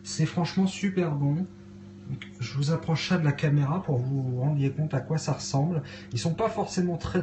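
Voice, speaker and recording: A man hosts a casual cooking livestream from his cluttered home kitchen, chatting with viewers and often hesitating with fillers. His voice is a little high with a dark tone, and the echoey room carries a little hiss or hum.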